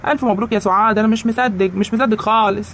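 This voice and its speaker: [name], an actor doing a fast eager village husband. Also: medium pitch, fairly even intonation, fairly bright tone, a little hiss or hum, lightly acted. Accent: Egyptian rural. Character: young excited village husband.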